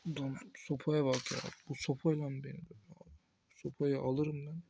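A young man playing a horror game, talking to himself with excited outbursts and cursing at the game. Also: mid-range voice, normal speed, creaky, noisy background. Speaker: gameplay streamer. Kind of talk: casual gameplay commentary.

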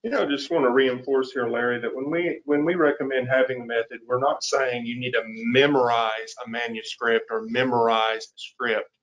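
Quick man co-hosting, dull audio. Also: medium pitch, fairly even intonation, fairly bright tone. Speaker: webinar co-host.

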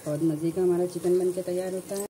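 Woman talking you through a recipe step by step, low mellow voice, faint sizzle behind. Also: fast talker, a little hiss or hum, low-quality recording. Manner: calm step-by-step instructions. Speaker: cooking channel host. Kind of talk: cooking tutorial voice-over.

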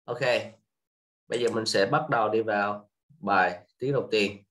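A man with a Vietnamese accent teaching English to children, switching between Vietnamese and slowly repeated English words for the kids to copy. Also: lowish voice, steady tone, fairly bright tone. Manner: slow drawn-out repetition of English words.

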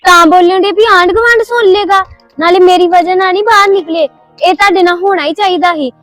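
A woman's voice: very high voice, quick pace, fairly bright tone, no echo, soft background music. A woman playing a young daughter-in-law who answers back to her mother-in-law. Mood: defiant. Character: young daughter-in-law, defiant but worried. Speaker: actor. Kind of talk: village family drama acting.

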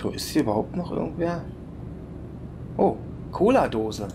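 A man's voice: fairly high pitch, very animated, moderate pace, noisy background. A man thinking aloud while playing an adventure game, musing and chuckling as he goes. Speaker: let's play commentator. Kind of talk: casual gameplay commentary.

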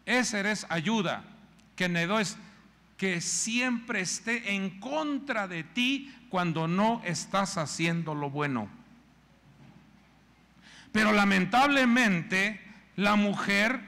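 A pastor preaches with a high, swooping voice and a gravelly edge, taking his time between phrases. He acts out characters' voices and has the congregation repeat after him. His voice rings with the long reverb of a church hall. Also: animated, slow pace, bright, forceful tone. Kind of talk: sermon.

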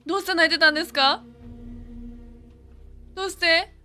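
A woman's voice: very high voice, steady tone, normal speed, bright, forceful tone, faint music behind. A woman hosting a gaming video, talking casually while she plays and easily getting scared, with frequent startled exclamations and repeated words. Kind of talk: casual game commentary.

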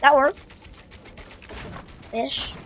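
A woman giving casual gameplay commentary, chatty with many fillers and sudden excited outbursts. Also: very slow. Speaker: gaming video creator. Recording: loud game noise behind voice. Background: game sounds and vehicle noise.

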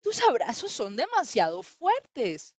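A woman voicing a lonely, whiny little leopard cub in a storybook read-aloud, in a high, squeaky, complaining voice. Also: huge pitch swings, slow, a little mellow, no echo, exaggerated voice.

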